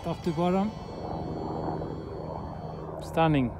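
Upbeat man giving a quick slope report. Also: a little high. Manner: short clipped phrases, upbeat. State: slightly out of breath from effort. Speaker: skier filming a snow report. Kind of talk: casual on-the-go commentary. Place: outdoors on a high glacier ski slope. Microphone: handheld or helmet action camera. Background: loud guitar music.

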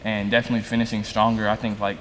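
Low-voiced teen player in a reverberant room. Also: male voice, level tone, racing, slight background noise. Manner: casual, says like often. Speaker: high school basketball player. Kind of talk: interview answers.

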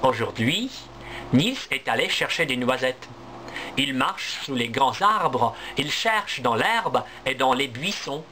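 A man, a language teacher, reading a story aloud for learners in a clear, deliberate, expressive way. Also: medium pitch, a little hiss or hum.

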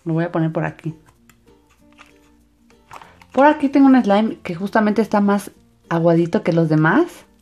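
A woman's voice: medium pitch, expressive, normal speed, long pauses, a little mellow. A woman narrating a hands-on craft video for children in an enthusiastic, sing-song way. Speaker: host of a slime craft channel. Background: background music.

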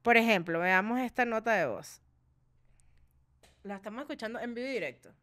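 A woman with a Venezuelan accent hosting a podcast, chatting in an animated, joking, slangy way. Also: on the high side, a little fast, no room sound. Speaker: podcast host. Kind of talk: casual chat.

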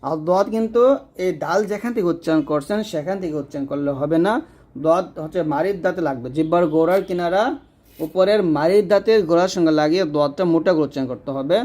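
Here a Quran recitation teacher, his voice somewhat high for a man and darkish in tone, goes through letter sounds one step at a time. He speaks each slowly and patiently, repeating it so the learner can follow along.

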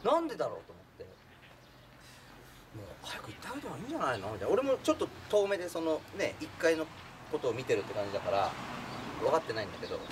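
Animated man telling a story from far off. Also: a little high, very fast. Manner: animated, acts out voices in the story, laughs while telling. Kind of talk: casual anecdote telling. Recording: distant mic with clear background noise.

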